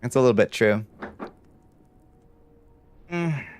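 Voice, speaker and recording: A middle-aged streamer with a light Georgia twang casually banters with viewers in a laid-back, wry drawl during live gameplay; he is from the United States. His medium-pitched voice is animated and darkish in tone, and he takes things slowly.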